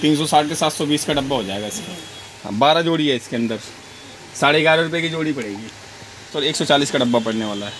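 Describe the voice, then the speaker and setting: A man gives a shopkeeper's sales pitch in a somewhat high voice. He rattles off prices quickly and matter-of-factly, with clear shop noise around him. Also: animated, fairly bright tone, low-quality recording. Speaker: wholesale bangle shopkeeper. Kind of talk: sales pitch showing goods and quoting prices. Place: small indoor shop lined with shelves.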